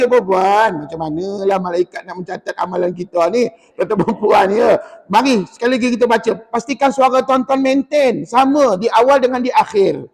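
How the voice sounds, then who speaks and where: A man with a Malaysian Malay accent leads a recitation class, quizzing the room and then drawing the verses out slowly. His voice sits very high for a man. It rings with long reverb from a mosque hall. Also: gravelly, darkish tone. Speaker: Quran recitation teacher. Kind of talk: classroom tajwid lesson.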